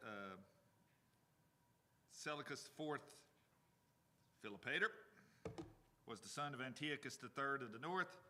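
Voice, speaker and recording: A man's voice: mid-range voice, pushed and bright. Man teaching Sunday school, echoey. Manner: rambling, many fillers and restarts, self-deprecating. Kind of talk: casual Bible lesson. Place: church classroom. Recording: echoey room from a distant mic, noisy.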